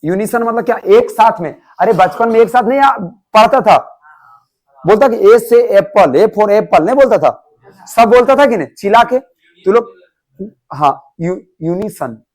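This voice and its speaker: A man's voice: sits high, moderate pace, low-quality recording. A young man teaching a class, explaining an English story and asking students again and again if they follow. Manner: animated, quizzes students with repeated questions.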